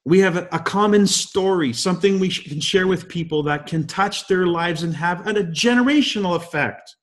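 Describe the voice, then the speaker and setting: A high-pitched man in his fifties talks at normal speed while guest-hosting a leadership call. He is giving a pep talk that keeps firing off emphatic rhetorical questions.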